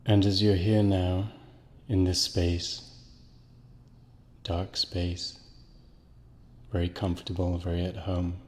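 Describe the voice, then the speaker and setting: A man guiding a listener through a slow, soothing hypnosis relaxation, counting down and repeating calming phrases. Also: low voice, big-room sound. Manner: slow, soothing, repetitive induction. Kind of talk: guided hypnosis relaxation script.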